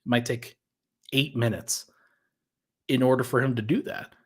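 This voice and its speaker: A man's voice: medium pitch, steady tone, normal speed, breathy edge. A man hosting a casual sports podcast, thinking aloud in a conversational way and sounding a little out of breath. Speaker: podcast host.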